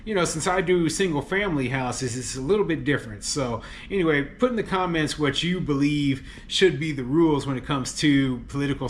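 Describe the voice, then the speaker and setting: A landlord and real estate commentator casually reacts to a news article, chatty and laughing often, voicing exasperated opinions with lots of fillers like "you know" and "okay." His voice is mid-range, with slight background noise.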